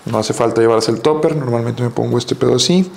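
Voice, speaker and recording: A man hosting his own vlog in casual chat, relaxed and joking, talking at home and later from a car. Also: medium pitch, quick pace, vocal fry, roomy sound. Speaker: vlog host.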